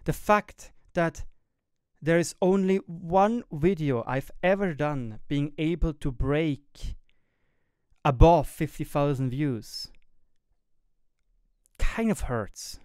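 Talking reflectively to his viewers, a young gaming YouTuber and streamer from Switzerland frequently hesitates to find the right English word, his German accent clear. His voice is smooth, slightly high, a little mellow, and sing-song in its rise and fall. Headset on, he's close to a boom-mounted studio mic in a small gaming room at home, giving a dry, close sound with no echo.

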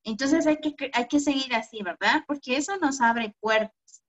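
Soft affectionate lady teacher, online class for kids, keeps asking verdad, muffled call audio. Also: sits high, moderate pace. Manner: gentle, ends phrases with "¿verdad?"; affectionate, calls pupils "mi amor". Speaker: primary school teacher. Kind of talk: online class talk to children. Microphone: video call. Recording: dull lo-fi video call audio.

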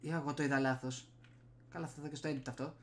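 The young streamer's medium-pitched voice shows little pitch movement as he mutters through casual gameplay commentary and reacts in short bursts. Slight background noise accompanies his desk USB microphone in a small room at home.

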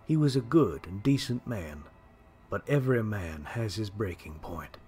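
A man's voice: on the low side, lively intonation, measured pace, darkish tone, breathy edge, faint music behind. A man reading a short story aloud in a grave, subdued way. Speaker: narrator. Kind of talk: storytelling narration.

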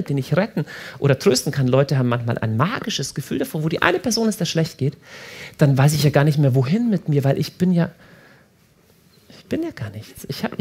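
A man speaks to a live audience in an animated way and often repeats words as he rephrases. His pitch moves lively up and down. His voice has a slight husky grain. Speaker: speaker at a prayer house.

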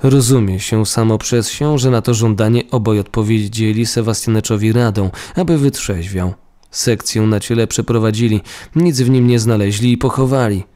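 A man narrating a ghost story in a calm, measured reading. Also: fairly low pitch.

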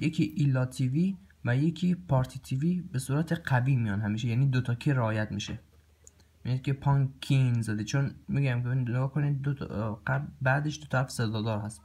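A man teaching a recorded grammar lesson. He pauses often with filler sounds and clears his throat now and then. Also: medium pitch, a little mellow. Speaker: language teacher.

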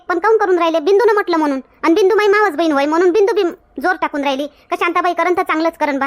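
A woman's voice: extremely high pitch, a bit bright. An actress with a Varhadi Marathi accent playing a blunt, outspoken village woman who scolds and lectures in a comedy skit. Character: outspoken village woman Shantabai, quick to flare up. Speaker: comic actor.

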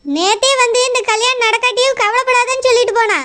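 Woman as a nosy village girl, sharp and very high, scolding, Kanyakumari Tamil accent. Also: fairly even intonation, fast. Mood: accusing. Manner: accusing, scolding. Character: young village woman Radha, suspicious and bossy.

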